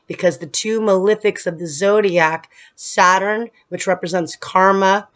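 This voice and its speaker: A woman's voice: on the low side, a bit bright. Astrologer woman losing her voice. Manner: explanatory, with some restarts and filler. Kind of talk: casual astrology talk to camera. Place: humid place.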